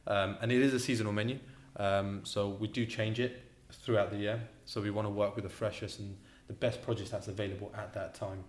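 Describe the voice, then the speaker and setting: Speaking a little fast and barely pausing, a guest who co-owns a restaurant answers interview questions in a low, level voice. He sounds casual and hesitant, with repeated words and ums, and the recording has a roomy echo.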